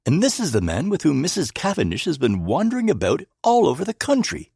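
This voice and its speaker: A man playing an eager, excitable young English gentleman. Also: mid-range voice, moderate pace, creaky, husky, dry recording, clean studio sound, voice pushed up, exaggerated voice. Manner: eager, impatient, indignant. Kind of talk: audiobook character voice.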